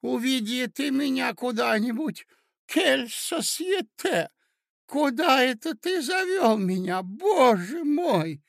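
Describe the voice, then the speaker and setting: A man's voice: very high-pitched, animated, slow pace, creaky, no echo, studio quality, pitched above the performer's own voice, exaggerated voice. A man voicing a frail, muddled elderly prince who speaks in a quavering, plaintive way. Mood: fretful. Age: older.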